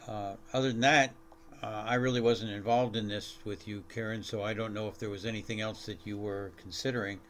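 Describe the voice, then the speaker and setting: Board member, lower male voice, measured, faint hiss behind. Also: steady tone. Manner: deliberate, restarts often. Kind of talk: meeting discussion.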